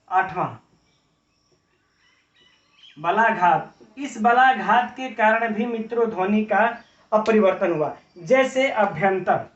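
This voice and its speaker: A man teaching an exam-prep lecture, explaining with examples, posing rhetorical questions and often adding a quick "right?" tag. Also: high-pitched, fairly bright tone. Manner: frequent tag "है ना". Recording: roomy, distant, dull lo-fi audio.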